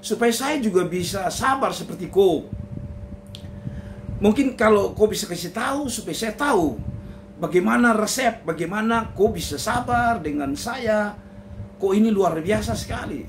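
A man's voice: sits high, expressive, moderate pace, a little hiss or hum, pitched above the performer's own voice. A man voicing a short-tempered, curious Papuan husband, speaking with a Papuan Malay accent and pressing insistently for answers. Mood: coaxing. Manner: insistent, coaxing questions.

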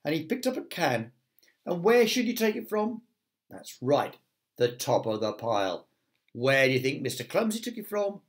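A man's voice: on the high side, big pitch swings, normal speed. A man who teaches primary school, reading a children's story aloud with chatty asides to the young listeners.

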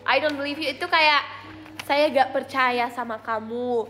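Young woman, high voice, bright tone, mock teacher, teasing. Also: moderate pace, faint music behind. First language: Indonesian. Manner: teasing teacher tone, switching between Indonesian and English. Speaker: livestream host. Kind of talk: playful mock English lesson.

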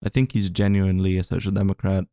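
A man's voice: low voice, little pitch movement, fast talker, mellow, no room sound. A man co-hosting a podcast, talking politics in a casual, hesitant way with dry jokes. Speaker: podcast co-host.

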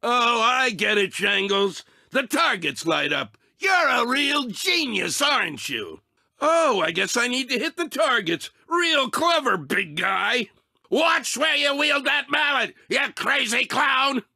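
Short-tempered cartoon anger creature, high-pitched for a man, harsh and sharp, sarcastic, exasperated, raspy, video game character. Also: big pitch swings, slow, no room sound, clean studio sound, heavily acted. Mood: alarmed, irritated. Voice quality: raspy, gravelly, tense. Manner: sarcastic, exasperated, emphatic, blustering. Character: Anger, short-fused, blustering, sarcastic male cartoon emotion.

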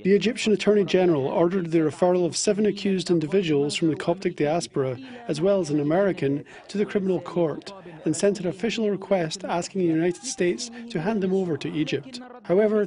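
High, mellow male news narrator. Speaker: news reporter voice-over translator.

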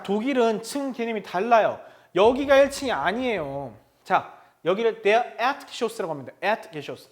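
A man teaching a German lesson to Korean learners, asking questions and answering them himself. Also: high voice.

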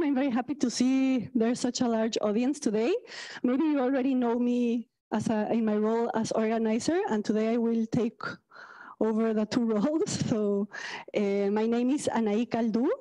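A woman's voice: a little high, dark tone, rough recording. Mexican-born woman astrophysicist lecturing. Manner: friendly, halting with restarts. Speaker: astrophysicist giving a public talk. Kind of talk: public lecture. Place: lecture hall.

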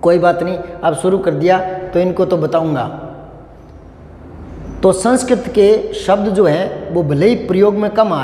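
A man with a cough teaching Hindi grammar in a patient, slow lesson, repeating points and asking rhetorical questions. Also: high voice, mellow. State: unwell with a cough. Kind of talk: explanatory classroom lesson. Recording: echoey room with long reverb.

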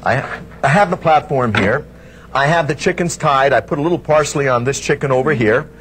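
A man's voice: mid-range voice, normal speed, a bit bright. A man hosting a product demonstration, folksy and unscripted, talking through each step as he sells. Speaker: infomercial host and product demonstrator. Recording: faint background noise, vinyl transfer.

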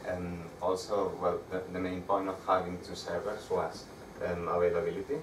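A man's voice: low voice, completely flat delivery. Young Spanish man giving a tech talk. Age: young adult. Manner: halting, with frequent restarts. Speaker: meetup speaker. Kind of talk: conference talk with slides. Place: dark room with projector screen. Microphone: far camera. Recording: echoey room, distant mic, audible background noise.

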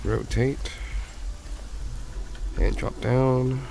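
A gaming YouTuber plays a video game and chats casually with his viewers, speaking slowly in a mid-range, steady, creaky voice. He sounds sick, nasal and stuffed up with a cold, and the audio quality is poor.

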